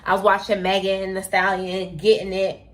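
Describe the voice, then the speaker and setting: A woman's voice: medium pitch, monotone, normal speed. A woman co-hosting a casual chat show, talking in a chatty, effusive way and calling her viewers "y'all". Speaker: co-host.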